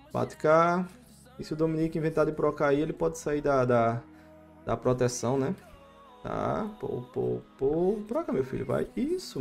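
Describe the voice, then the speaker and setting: A man with a Brazilian accent giving excitable live commentary over his own mobile game battle, cheering his units on with slang. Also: fairly high pitch, gravelly. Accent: Brazilian Portuguese. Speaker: gaming YouTuber.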